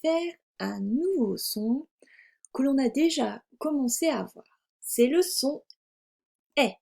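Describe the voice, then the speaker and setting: A woman teacher giving a recorded phonics lesson to young children, articulating slowly and carefully. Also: high-pitched, animated, gravelly, dark tone. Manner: slow, careful, over-articulated delivery. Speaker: primary school teacher.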